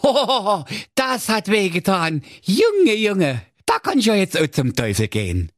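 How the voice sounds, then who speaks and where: A man's voice: sits high, huge pitch swings, unhurried, no room sound, clean studio sound, voice pushed up, full character voice. A man voicing a cheeky, carefree young male hero in a storybook reading, brash and slangy. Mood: cheerful.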